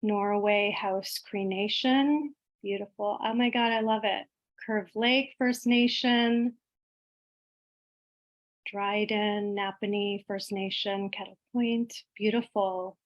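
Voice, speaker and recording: On a recording with the highs cut off, a woman gives a casual talk as a guest at an online event, her mid-range voice steady in tone. She's from Iqaluit, Baffin Island, Nunavut, Canada, and speaks slowly, often pausing partway through sentences.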